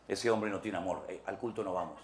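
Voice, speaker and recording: A male pastor putting on the voice of a fickle, gossiping churchgoer, low and quiet with a chatty mutter. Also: a little fast, roomy sound, natural voice. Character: fickle, gossiping churchgoer who picks favorite preachers.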